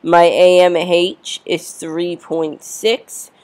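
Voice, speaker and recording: A woman's voice: lowish voice, level tone, very slow, darkish tone. A woman with a congested, stuffy cold voice, giving a casual, matter-of-fact vlog update. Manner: matter-of-fact, reading out numbers. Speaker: vlogger.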